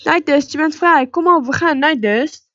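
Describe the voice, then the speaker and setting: A woman casually commentating her horse-riding game and reading its dialogue aloud, excitable and calling out to her horse. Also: high-pitched, moderate pace, no echo, dull audio. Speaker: let's play gamer.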